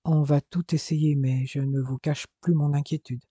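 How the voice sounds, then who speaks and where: A man voicing a gentle male doctor who delivers bad news quietly and soberly. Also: on the high side, little pitch movement, normal speed, slightly rough, no room sound. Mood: grave gentle. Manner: quiet, sombre and careful.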